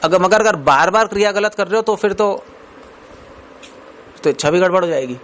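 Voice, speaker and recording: A man's voice: sits high, normal speed, fairly bright tone, slight background noise. A man preaching a scripture discourse in a conversational way, mixing in English words and laughing between points.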